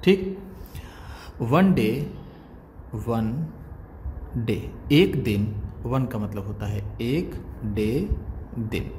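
Slow, mellow-voiced male English tutor. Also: mid-range voice, lively intonation, a little hiss or hum, poor audio. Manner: spells out each word slowly, then explains meaning. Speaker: English teacher, channel host. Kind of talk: slow word-by-word reading lesson.

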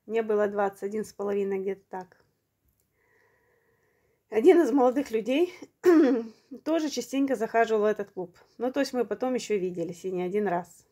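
Woman around fifty, from Ukraine, mellow voice, plain home vlog storytelling, slightly short of breath. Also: a little high, moderate pace, pauses often. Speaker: vlogger. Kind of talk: personal storytelling to camera.

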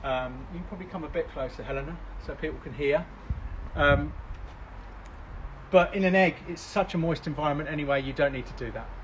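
Brief: cheerful, higher-voiced man hosting a live barbecue cook outdoors, noisy background with traffic. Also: fairly quick. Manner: chatty, talks while eating, laughs often. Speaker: cooking demonstrator. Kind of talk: live outdoor cooking demo.

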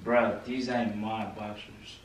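A man's voice: lowish voice, level tone, takes it slowly. Slangy young man, far off in an echoey room. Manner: slangy, laid-back, rising to heated shouting. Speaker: husband, vlogger. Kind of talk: casual argument. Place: indoors at home. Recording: very echoey room, mic far off, faint noise.

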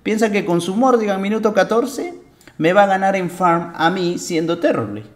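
A man's voice: sits high, animated, normal speed, voice pushed up. A man voicing a smug, gloating enemy gamer who mocks a rival player, in a raised, scornful tone. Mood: mocking.

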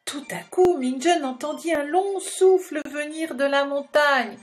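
A woman's voice: sits high, measured pace, soft background music. A woman narrating a children's storybook expressively and speaking directly to the young listener.

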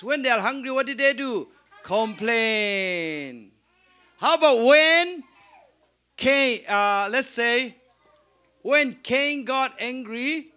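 Guy with a really high bright voice teaching sunday school, slow, asks stuff then answers it himself. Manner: leads call-and-response repetition. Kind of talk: interactive Bible lesson.

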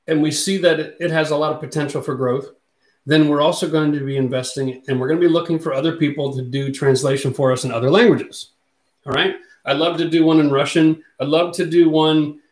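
In an echoey home studio room, a channel host in his forties talks with his livestream viewers and reads their comments out loud in a slightly high voice. He uses a studio mic on a boom arm.

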